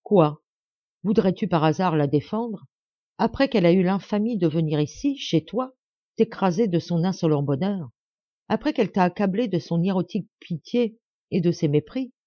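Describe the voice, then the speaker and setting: A woman's voice: on the low side, lively intonation, normal speed, dark tone, dry recording, muffled recording. A woman doing a vengeful, raging father. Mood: bitter. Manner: raging, menacing. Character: bitter, furious older father, vengeful.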